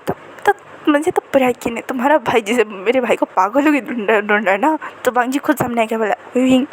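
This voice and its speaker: A woman's voice: fairly high pitch, fast talker, husky, poor audio. A woman casually narrating a fan-fiction romance story in a chatty, conversational way.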